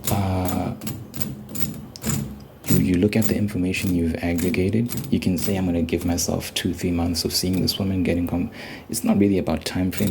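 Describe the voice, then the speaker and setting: A man giving casual, opinionated relationship advice in a rambling monologue, repeating phrases for emphasis. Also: low-pitched. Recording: clear background noise.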